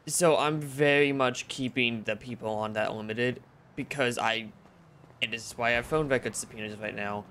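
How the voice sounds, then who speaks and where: A man's voice: medium pitch, normal speed, a bit bright, slight background noise, natural voice. A man playing a wary young police detective in a game roleplay, frank and joking.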